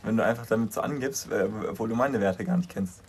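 A man's voice: lowish voice, fast, slightly rough. Laughing young man, casual chat. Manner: laughing, animated storyteller. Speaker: podcast co-host.

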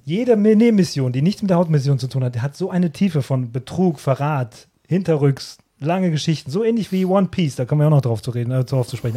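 Fast-talking excitable German podcast man. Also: a little high. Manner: excited rambling, acts out quoted game characters. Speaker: podcast co-host. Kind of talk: casual chat.

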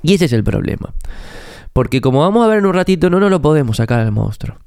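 Rioplatense guy doing a chatty podcast, stuffy nasal flu voice, gravelly, very dry close sound. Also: fairly high pitch, very animated, fast talker, a little mellow, no echo. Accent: Rioplatense Spanish. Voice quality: nasal, congested voice. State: recovering from flu. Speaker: podcast host. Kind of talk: reflective conversational podcast monologue. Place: office.

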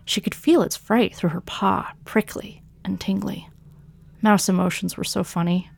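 A woman, the author and narrator of a fiction podcast, reading her own story in a measured way that slows for dramatic lines. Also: mid-range voice, fairly even intonation, creaky, breathy edge.

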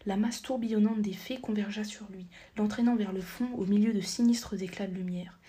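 Softly and in a half-whisper, a woman reads a story as an audiobook, her mid-range voice steady and fairly quick. Every so often she slips up and corrects herself.

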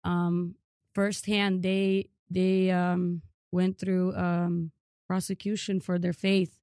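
A woman's voice: on the low side, little pitch movement, slow, darkish tone, dry recording, studio quality. A woman in her thirties, born in Ukraine, telling her family's story as a podcast guest in an earnest way with many fillers and restarts. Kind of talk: casual interview.

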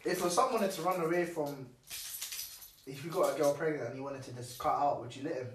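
Young man, London roadman accent, slightly high pitch, blunt slangy banter, casual podcast chat, echoey noisy room. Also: a little fast, distant mic. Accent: London roadman, urban slang. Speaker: podcast co-host.

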